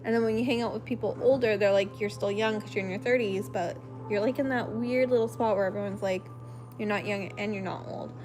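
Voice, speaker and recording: A woman's voice: mid-range voice, steady tone, brisk, over music. Chatty woman in her thirties livestreaming. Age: 30s. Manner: rambling and apologetic, lots of "um"s. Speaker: livestream host. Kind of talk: casual late-night live-stream chat, reading viewer comments. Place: at home at night, lit by a flashlight. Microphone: phone camera held close.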